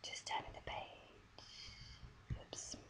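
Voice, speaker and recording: A voice whispering softly and breathily, reading a story aloud in a deliberate ASMR style, close to the microphone. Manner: soft, deliberate story reading with small stumbles.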